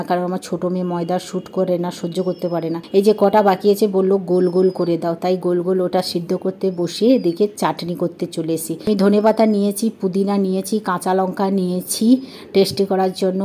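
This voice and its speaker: A woman's voice: lowish voice, dark tone. A middle-aged woman with a Bengali accent chatting through a cooking vlog from her home kitchen, talking to viewers like friends. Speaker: vlogger and housewife. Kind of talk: casual cooking vlog narration.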